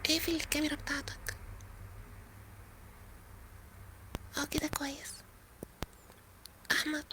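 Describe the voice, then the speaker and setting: Man doing a young woman's high, whispery Egyptian voice. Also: level tone, quick pace, pushed and bright, exaggerated voice. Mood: softly pleading. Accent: Egyptian Arabic. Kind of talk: breathy, whispery phone chat.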